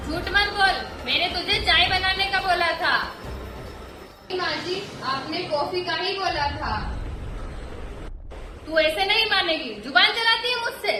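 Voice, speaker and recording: A woman voicing a harsh, scheming mother-in-law in an animated story, scolding and insulting. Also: very high-pitched, a little slow. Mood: angry. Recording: echoey room from far off, music behind.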